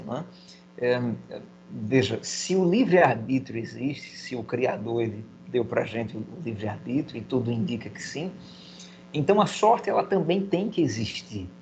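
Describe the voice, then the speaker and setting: A man's voice: mid-range voice, a little mellow, muffled recording, a little hiss or hum. A man teaching a recorded video lesson, explaining step by step and putting questions to himself in his students' voice. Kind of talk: video lecture.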